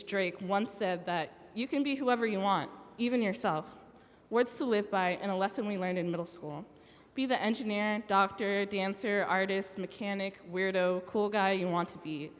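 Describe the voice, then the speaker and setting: A young woman in her late teens delivers a graduation speech into a podium microphone. She keeps it playful, with joking asides, at a middle pitch. Her voice carries a long echo through a huge arena. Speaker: graduation speaker. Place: large arena.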